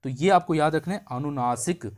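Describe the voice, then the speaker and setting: A man teaching an exam-prep grammar lesson, explaining step by step, drawing out sounds to show them and checking in with quick questions. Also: on the high side. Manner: draws out vowel sounds to show their length.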